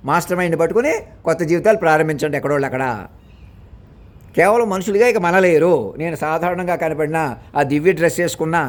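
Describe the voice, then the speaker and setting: A man giving a rambling, insistent spiritual monologue, scolding his listeners, repeating himself and restarting words often. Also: fairly high pitch. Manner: fast, insistent, repetitive, with many restarts; scolding and preachy. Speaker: self-styled spiritual preacher.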